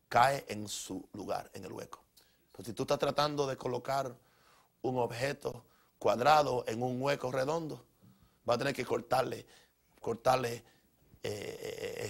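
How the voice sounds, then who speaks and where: A man's voice: medium pitch, vocal fry. A middle-aged man preaching a sermon as a pastor, emphatic, repeating his phrases and restarting often.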